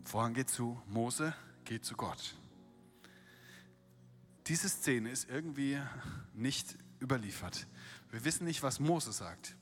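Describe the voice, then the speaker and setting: A man preaching a sermon, retelling a Bible story with lively acted-out quotes and direct rhetorical questions to the listener. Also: mid-range voice, slow, pauses often, soft background music.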